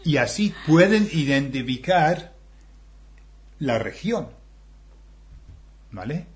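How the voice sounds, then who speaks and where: Slow, animated man. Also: a little high. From England. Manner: animated, hesitant restarts. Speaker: video host. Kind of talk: casual chat.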